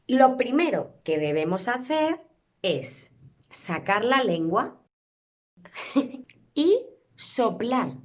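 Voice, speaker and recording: A woman with a Spain Spanish accent, teaching pronunciation by modeling sounds slowly and carefully. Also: medium pitch. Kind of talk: pronunciation lesson.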